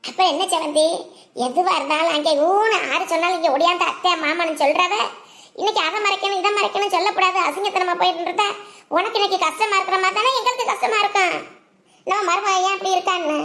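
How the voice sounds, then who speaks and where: A woman's voice: extremely high pitch, brisk, fairly bright tone. A woman voicing a scolding village mother-in-law in a cartoon, with a southern Tamil Nadu dialect and a nagging, reproachful manner. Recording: roomy echo.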